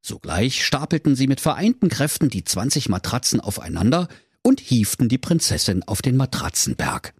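A man tells a comic bedtime story in a playful, animated way. His voice swings widely in pitch. The sound is close and dry. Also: normal speed, husky, dry recording.

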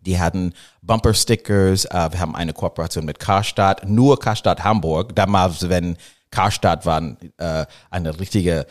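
Deep-voiced American man speaking halting, English-accented German. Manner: halting non-native German sprinkled with English words, frequent tag questions. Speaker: podcast guest, marketing business owner. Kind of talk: casual conversational interview.

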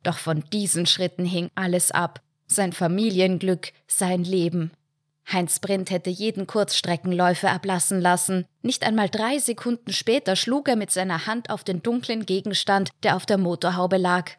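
A woman narrating a short story in a measured storytelling way. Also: on the low side, steady tone, no room sound, clean studio sound. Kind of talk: audiobook short story reading.

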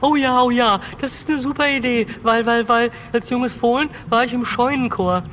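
A man's voice: very high-pitched, normal speed, fairly bright tone, a little hiss or hum. An actor voicing a cheerful young male foal who talks in casual slang in a children's audio drama. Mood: eager.

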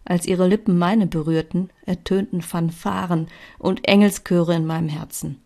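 A woman reading her own story aloud in an even, clear storytelling manner. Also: on the low side, normal speed. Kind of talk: scripted narration.

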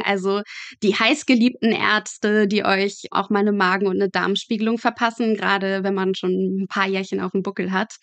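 A young adult woman, a medical student working in pathology, explains things as a podcast guest. Her medium-pitched voice has no room sound, and she's casual, matter-of-fact and colloquial with dry humour.

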